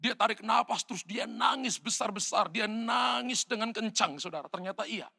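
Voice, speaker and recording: A man with an Indonesian accent preaches a sermon, telling stories in a high, sharp voice. He keeps turning to the congregation with "saudara." His voice rings out with a long reverb in a church hall. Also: normal speed, gravelly. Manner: storytelling, addresses the congregation as "saudara". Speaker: pastor.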